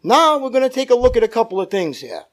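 A male preacher with a very high-pitched voice delivers a church sermon. He stresses and draws out his key phrases, addressing his listeners directly and seeking their agreement. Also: big pitch swings, quick pace. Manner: calls for amens from listeners.

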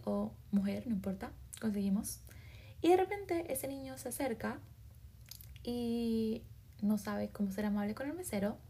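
A woman hosting a self-help podcast, talking emphatically with many rhetorical questions and slangy asides, often dropping into soft half-whispers. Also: on the high side, creaky, husky. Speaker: podcast host. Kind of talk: motivational self-help monologue.

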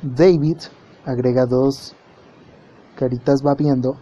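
A man's voice: mid-range voice, steady tone, takes it slowly, mellow, muffled recording. A man hosting a podcast, wryly recounting chat messages in a jokey, casual way. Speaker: podcast host.

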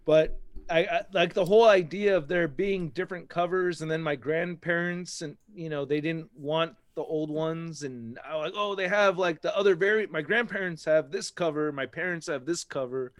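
A man with a high-set voice talks as a guest in a casual chat. He rambles, stops and restarts, and laughs at himself often. The sound is dry and close. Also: moderate pace, dry recording. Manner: laughs often, self-deprecating; rambling, many fillers and restarts. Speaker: interview guest.

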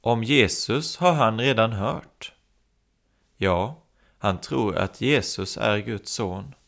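A man's voice: on the low side, vocal fry, a bit bright. A man preaching a sermon, telling stories and acting out the voices in them. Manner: storytelling, acting out quoted voices.

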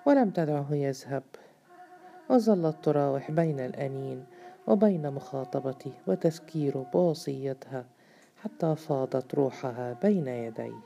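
Deep, gravelly woman narrator. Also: lively intonation, mellow, soft background music. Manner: measured, literary reading. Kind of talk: scripted narration of a novel.

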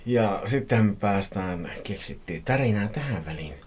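A podcast host reading a listener's horror story aloud, playful and joking between passages. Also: male voice, lowish voice, expressive, darkish tone, husky. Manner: playful, laughs at his own reading.

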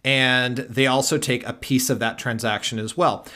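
A man's voice: mid-range voice, fairly even intonation, moderate pace, sharp tone. A man co-hosting a casual tech podcast, explaining things at length with many restarts and fillers. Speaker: podcast co-host.

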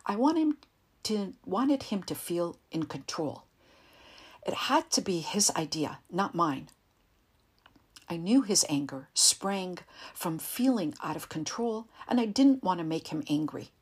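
Husky woman reading a story calmly, low voice, slips into whispers. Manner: calm, measured, softly dropping to a whisper. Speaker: narrator. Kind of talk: audiobook narration.

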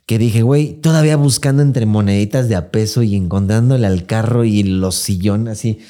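A man's voice: fairly low pitch, normal speed, warm tone. A young man with a Mexican accent telling a personal story in casual podcast chat, full of swearing and slang fillers. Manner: profane, slangy storytelling with many filler words. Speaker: podcast host.

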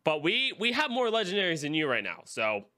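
Bright-voiced man chatting about games. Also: high voice, huge pitch swings, a little fast. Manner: rambling, filler-heavy game opinions. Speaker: podcast co-host. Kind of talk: casual chat.

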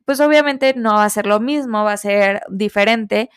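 A woman's voice: mid-range voice, moderate pace, clean tone, no room sound, clean studio sound. A young woman hosting a casual solo sports podcast, giving her opinions while thinking aloud with lots of fillers and restarts.

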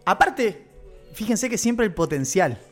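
A man with a Rioplatense Argentine accent holds a comedic live-stream monologue, joking, rambling and cutting himself off with slang. His pitch jumps about in a lively way, with faint music playing behind him. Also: a little slow. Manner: rambling, joking, self-interrupting slangy talk. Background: faint background music.

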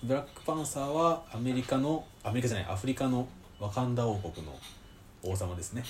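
A man hosting a casual chat podcast, talking lively and laughing often. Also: medium pitch, fast talker, background noise. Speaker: podcast host.

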